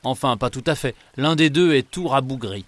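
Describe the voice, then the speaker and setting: A man's voice: mid-range voice, moderate pace, no echo, natural voice. A man voicing a huge, greedy and cowardly forest ogre in a storybook reading. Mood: gloating. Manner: blustering, then whimpering.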